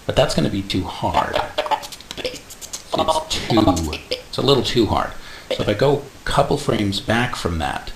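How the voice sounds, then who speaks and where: Low gravelly man walking through animation steps. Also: animated, unhurried. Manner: casual step-by-step explaining with fillers and sound effects like boom. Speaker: animation instructor. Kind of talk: screen-recorded software tutorial. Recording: echoey room with faint hiss.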